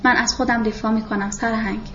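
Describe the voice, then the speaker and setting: Storybook rebel chief, a proud man, curt and defiant, read by a woman, fairly high voice. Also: fairly even intonation, fairly bright tone, slight background noise, close to an everyday voice. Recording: roomy, dull lo-fi recording.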